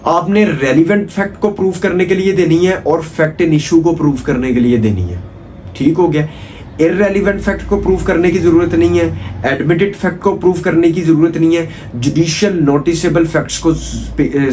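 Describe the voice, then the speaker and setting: A man speaks in a fairly high, slightly mellow voice against slight background noise. Accented Pakistani, he lectures on law informally for exam preparation, restating points, posing rhetorical questions and weaving English legal terms into his talk.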